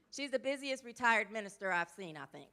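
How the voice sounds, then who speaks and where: Bright, clear-voiced woman minister. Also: mid-range voice. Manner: warm, chatty and emotional, with casual asides. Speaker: minister introducing the guest speaker. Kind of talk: church introduction speech. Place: church sanctuary.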